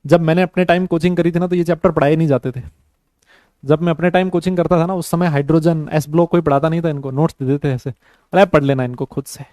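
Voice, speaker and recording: A man teaching a chemistry class online. He talks slowly and easily, mixes Hindi with English terms and keeps quizzing his students. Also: on the high side, steady tone, darkish tone, no echo. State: has a headache.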